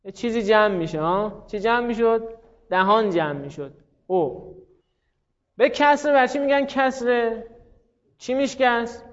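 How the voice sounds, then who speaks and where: A man's voice: extremely high pitch, lively intonation, a bit bright. A man teaching a grammar class, explaining step by step and asking his students rhetorical questions. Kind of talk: classroom lecture. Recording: dull recording in a reverberant room.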